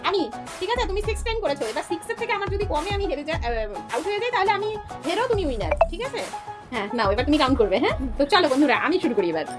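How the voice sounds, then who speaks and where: A woman's voice: extremely high pitch, very animated, quick pace, over music. A young mother hosting a playful tongue-twister challenge with her daughter, chatty and laughing, talking to her viewers as friends. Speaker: mother and channel host.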